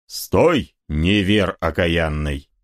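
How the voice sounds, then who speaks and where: A man's voice: low voice, very slow. A man voicing a drunken, quarrelsome bearded old priest who bellows and wails for help. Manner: bellowing, wailing cries.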